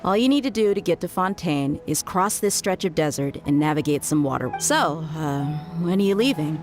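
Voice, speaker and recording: A woman playing a confident, easygoing desert mercenary in a video game, relaxed and teasing in manner. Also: low voice, normal speed, over music.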